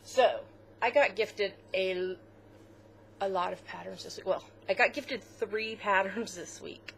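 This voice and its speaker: A woman's voice: medium pitch, unhurried, vocal fry, a bit bright, slight background noise. A woman co-hosting a knitting podcast in a casual, chatty way, with lots of fillers. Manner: chatty, with fillers, close to tears at times. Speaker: podcast co-host. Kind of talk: casual chat.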